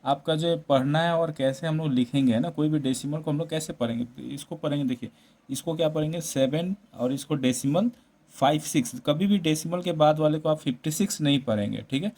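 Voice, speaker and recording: A man's voice: fairly high pitch, fast, darkish tone. A man teaching a maths lesson, explaining step by step, mixing English number words into Hindi and often checking in with tag questions. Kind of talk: classroom-style maths lesson.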